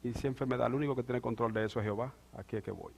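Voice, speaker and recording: A male pastor preaching a sermon, moving from quiet asides to loud, drawn-out proclamation. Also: mid-range voice, steady tone, gravelly, breathy edge. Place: church sanctuary. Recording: church hall with long reverb.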